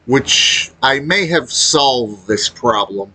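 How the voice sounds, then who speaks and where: He's a gaming video maker giving unscripted, casual opinions, halting as he speaks and blunt about what bugs him. Medium-pitched, animated, bright and forceful, he comes through on a rough recording.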